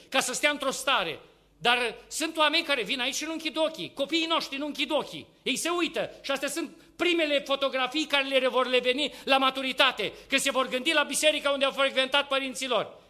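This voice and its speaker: A man preaching a sermon with passion, swinging between loud urging and hushed asides and firing rhetorical questions at the congregation. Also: extremely high pitch.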